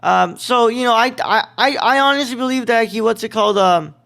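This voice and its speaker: A man's voice: very high-pitched, fairly quick, creaky, pushed and bright. Young man, podcast host, rambling delivery, filler-heavy, casual slang, film review chat. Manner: rambling, many fillers, says bro and what's it called.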